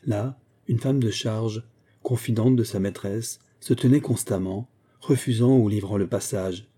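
A man reading a classic novel aloud as an audiobook narrator, in a measured, even way. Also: lowish voice, slightly rough. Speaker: audiobook reader.

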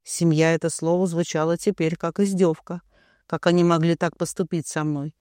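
High-voiced man narrating a novel. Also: flat delivery, moderate pace, a little mellow, clear, resonant tone, dry recording, studio quality. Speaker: audiobook reader. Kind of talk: first-person novel narration.

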